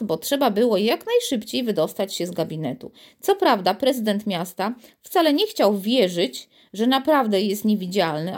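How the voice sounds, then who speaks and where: A woman narrating a children's storybook in a steady, lively storytelling manner. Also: fairly high pitch. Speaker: audiobook narrator.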